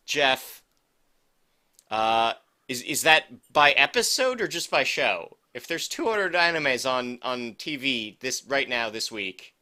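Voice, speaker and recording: A man talks casually as a podcast co-host, his voice very bright and forceful. He rambles and corrects himself mid-sentence with a wry, joking edge. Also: mid-range voice. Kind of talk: casual chat.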